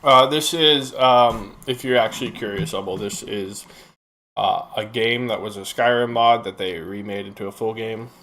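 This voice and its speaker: A man's voice: fairly low pitch, moderate pace, fairly bright tone, slight background noise. A young man streaming a game, talking casually with lots of fillers and swearing. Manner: rambling, profane, many fillers. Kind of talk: casual live-stream commentary. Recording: stream audio with game music. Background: game music.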